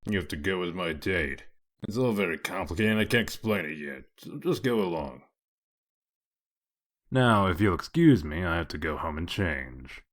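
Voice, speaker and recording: A man playing a sardonic werewolf lawman in a comic dub, dry, deadpan and full of authority. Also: deep voice, normal speed. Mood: brisk, commanding. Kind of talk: dramatic comic-dub voice acting.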